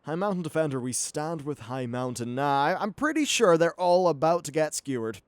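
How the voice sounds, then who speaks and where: A gaming YouTuber, a young man, chats informally and swears mildly as he plays through a game. His slightly high voice has lively intonation at normal speed with no room sound, though clear background noise and game ambience are present.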